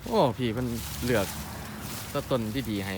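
Man, Isan accent, mid-pitched voice, polite and chatty, casual vlog narration, noticeable outdoor traffic noise. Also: very animated, normal speed. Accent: Isan (northeastern Thai). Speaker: vlogger and customer at a plant shop. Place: outdoors at a roadside plant nursery. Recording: outdoor noise with passing vehicles.

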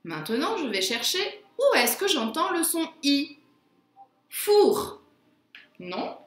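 In an echoey room, a female teacher leads a phonics lesson for little kids. She stretches out her words with slow, careful pronunciation and keeps her pitch lively.

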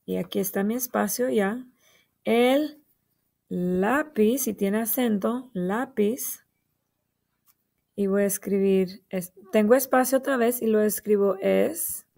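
Woman, patient grade-school teacher, unhurried, slightly creaky, spells words out letter by letter. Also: medium pitch, dark tone. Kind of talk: slow early-grade writing lesson for children.

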